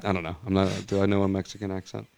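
A man's voice: low voice, completely flat delivery, rapid-fire, vocal fry, darkish tone, smooth, dry recording. A man in his twenties co-hosting a podcast in casual chat, joking and laughing at his own lines. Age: 20s. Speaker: podcast co-host.

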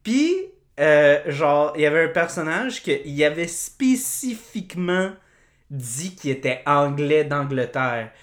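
A woman with a Québécois French accent, co-hosting a casual podcast chat, animated and swearing, with lots of fillers and loud laughs. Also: sits low, slow. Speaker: podcast co-host. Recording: echoey room.

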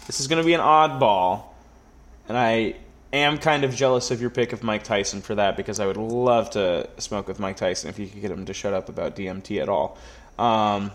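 A man's voice: on the low side, fairly quick. A man co-hosting a casual podcast, talking in a wry way with mock-formal phrasing and some swearing. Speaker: podcast co-host. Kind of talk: casual banter, fantasy draft commentary.

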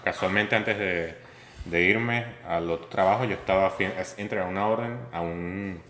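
Low-voiced guy, sharp tone, chatty and slangy, roomy echo. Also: moderate pace. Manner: chatty, slangy, acts out dialogue. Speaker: podcast guest. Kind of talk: casual storytelling.

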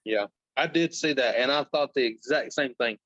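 A man co-hosting a podcast, chatting casually in a joking, deadpan way. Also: medium pitch, normal speed, no room sound. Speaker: podcast co-host. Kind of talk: casual chat. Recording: dull lo-fi sound.

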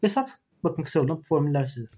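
A young man talks quickly and with a slightly raised pitch in a loose podcast chat among friends. He argues his points in an animated, insistent way. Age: young adult. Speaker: podcast co-host, law student.

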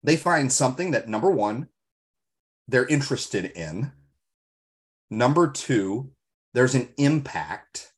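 A man co-hosting a podcast in casual discussion, talking in an earnest, reflective way, with emphatic rhetorical questions and stories. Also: medium pitch. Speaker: podcast co-host.

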